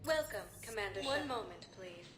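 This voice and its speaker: Calm computer announcer over a speaker. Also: female voice, mid-range voice, quick pace. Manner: polite, even, automated announcements. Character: calm female ship-style computer announcer. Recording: echoey game audio over music. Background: game music.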